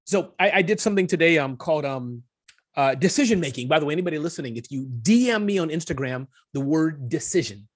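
A man chatting as a guest entrepreneur on a podcast, animated and self-deprecating, often restarting his sentences. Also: a little high, fast talker, husky. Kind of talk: casual podcast interview.

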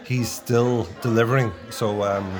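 A man's voice: mid-range voice, steady tone, measured pace, background noise. A man hosting a casual interview, asking questions in a curious, chatty way. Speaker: interviewer, host.

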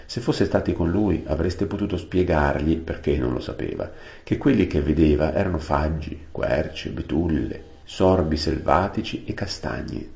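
A man narrating a storybook aloud, unhurried, adding plain-word glosses. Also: very deep voice, vocal fry, dark tone. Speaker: audiobook reader. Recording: roomy echo.

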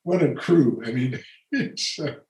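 A man's voice: medium pitch, animated, takes it slowly, a little mellow, roomy sound, rough recording. An older man, a retired orchestral horn player, telling rambling anecdotes as an interview guest, laughing often and restarting his sentences. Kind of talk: relaxed storytelling conversation.

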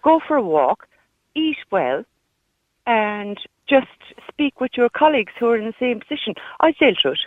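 This Irish radio caller, a Kerry woman in her fifties, speaks a little high with big pitch swings at a moderate pace. The dry, muffled phone-line audio carries her forthright, emphatic opinions in a casual, no-nonsense chat.

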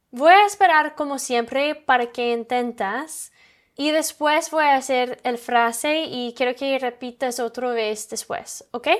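A woman whose first language is English, teaching an English lesson in careful, non-native Spanish. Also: high voice.

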